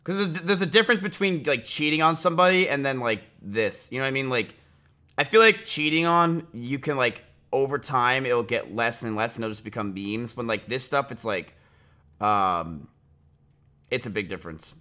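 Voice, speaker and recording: Mid-range in pitch and normal in speed, this young man's voice comes across bright and forceful. He is a livestreamer in his twenties at a home streaming setup in a small room, rambling loosely with fillers and restarts before getting heated and blunt.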